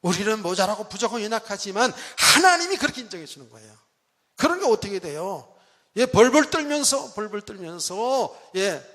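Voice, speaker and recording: A middle-aged male pastor preaching a dramatic sermon in a church, questioning the congregation and swinging between loud and soft. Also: high voice. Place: church sanctuary. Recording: long church hall reverb.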